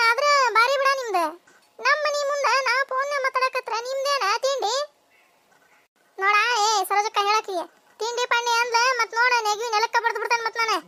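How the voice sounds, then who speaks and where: A voice actor playing bickering, nosy village women in a cartoon, with a North Karnataka Kannada accent and a sped-up, high-pitched voice. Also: background noise. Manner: shrill, scolding, quick back-and-forth banter. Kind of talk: cartoon voice acting.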